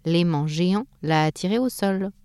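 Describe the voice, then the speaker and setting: A woman's voice: lowish voice, normal speed, a little mellow, smooth, no room sound, clean studio sound, natural voice. A woman voicing a small ant who explains things in a matter-of-fact way. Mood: explaining.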